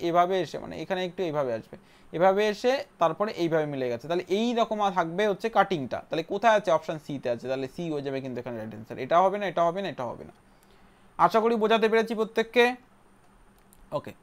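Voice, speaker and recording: A male teacher running through exam questions at a quick clip. His voice sits high and comes across smooth and clear on a close mic. He counts shapes aloud and repeats each right answer. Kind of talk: exam prep lesson walking through answers.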